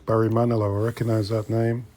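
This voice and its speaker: Speaking quickly in a fairly low, warm voice with a level tone, a middle-aged man browses a secondhand shop and chats casually to viewers, occasionally muttering to himself. He's the host of a vintage collecting vlog.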